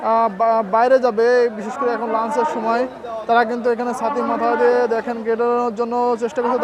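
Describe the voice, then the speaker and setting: A man's voice: very high voice, rough recording. A man reporting live from a street protest in light rain, steadily describing the scene for viewers. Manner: steady commentary with fillers, pointing viewers to the scene. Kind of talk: live on-the-spot news report. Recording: street recording with loud crowd. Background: crowd chanting slogans.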